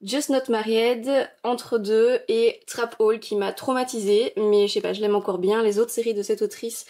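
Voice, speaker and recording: A woman's voice: fairly high pitch, fairly even intonation, normal speed, warm tone. Chatty young woman gushing over her shelves. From France. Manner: chatty and enthusiastic, gushing, many euh fillers. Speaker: manga collection vlogger. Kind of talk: casual shelf-tour vlog narration.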